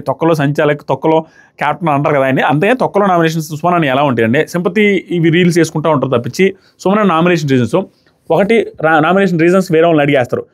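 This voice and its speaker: A man giving an emphatic, indignant review of a reality show. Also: a little high. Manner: emphatic, indignant, rapid-fire ranting. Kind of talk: opinionated review commentary.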